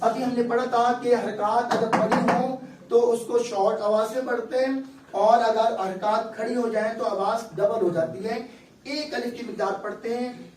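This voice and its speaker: A man's voice: very high-pitched, a little mellow, reverberant, distant mic, slight background noise, rough recording. A male teacher giving a classroom lesson on Quran recitation, explaining step by step and quizzing his students.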